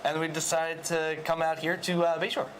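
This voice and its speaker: Man, 30s, from Queens; earnest candidate, filler-heavy answers, slightly high voice. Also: flat delivery, moderate pace, a bit bright, slight background noise, rough recording. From New York, Queens. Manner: earnest, hesitant with many "uh" fillers. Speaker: political candidate, guest. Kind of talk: TV interview answers.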